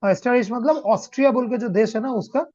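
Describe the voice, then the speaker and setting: A man's voice: extremely high pitch, fast, a little mellow, dry recording. Male language tutor on a muffled video call, patient, mixes two languages. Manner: mixes Hindi and English, keeps checking understanding. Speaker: German language teacher. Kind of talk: online demo class. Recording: dull lo-fi call audio.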